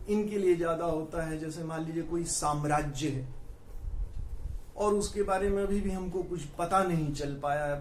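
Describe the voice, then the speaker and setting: High-voiced teacher in echoey room. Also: male voice, a little hiss or hum. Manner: explains patiently, repeats key words, mixes English terms into Hindi. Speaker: vocabulary teacher. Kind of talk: Hindi vocabulary lesson with memory tricks.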